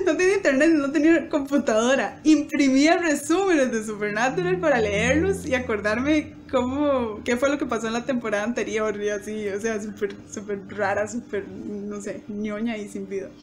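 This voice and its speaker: Young girl telling stories on her channel, high voice, chatty, laughs a lot. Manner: chatty, acts out quoted lines with bursts of laughter. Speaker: YouTuber. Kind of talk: casual storytelling to camera.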